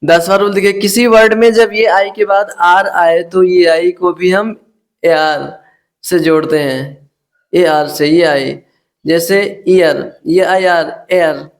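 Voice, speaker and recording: A man's voice: sits high, steady tone, slow pace. A man teaching English pronunciation rules in Hindi, spelling words letter by letter and repeating each word as he addresses viewers as friends. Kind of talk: spoken phonics lesson.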